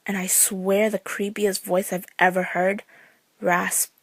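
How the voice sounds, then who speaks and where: A woman reading out a true scary story in a measured, suspenseful way. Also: mid-range voice, level tone, no echo. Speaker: horror story narrator.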